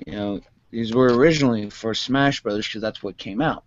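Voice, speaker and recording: Man, monotone voice, loose rambling unboxing chat, muffled lo-fi recording. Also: fairly low pitch, brisk, dry recording. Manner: rambling, many fillers, calls own voice monotone. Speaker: vlogger.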